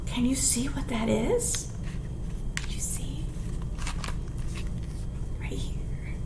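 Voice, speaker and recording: A middle-aged librarian leading children's storytime reads aloud with an expressive, sing-song delivery and asks the kids simple questions. Her voice is on the high side, very slow and whispered. The small indoor room gives a roomy echo and faint background noise.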